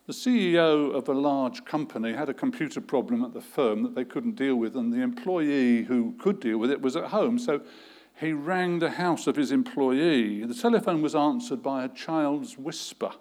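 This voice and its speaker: A man's voice: mid-range voice, moderate pace. A man preaching a sermon, telling stories with dramatic, repetitive flourishes. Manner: lively, dramatic storytelling with vivid repetition. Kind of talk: sermon with storytelling.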